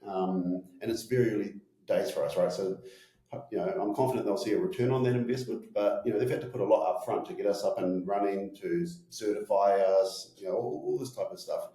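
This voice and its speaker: A man in his forties speaks with a broad New Zealand accent in a casual interview. His voice sits fairly low and has a soft, mellow tone. He talks informally, like an executive explaining his business, in an echoey room. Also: a little fast. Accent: broad New Zealand (Kiwi). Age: 40s. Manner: informal, peppers talk with "you know" and "right?". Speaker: company executive being interviewed.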